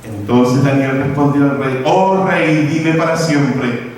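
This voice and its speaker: A man preaching a sermon as pastor, his voice sweeping up and down in pitch. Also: slow pace, a little mellow. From Chile. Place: large church hall. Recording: echoey church hall, mic far off.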